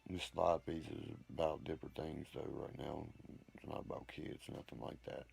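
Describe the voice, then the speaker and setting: A man's voice: extremely low pitch, steady tone, normal speed, vocal fry, darkish tone, breathy edge. A man hosting his own livestream, ranting profanely and boasting while he answers viewer comments. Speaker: livestream host. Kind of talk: rambling livestream monologue.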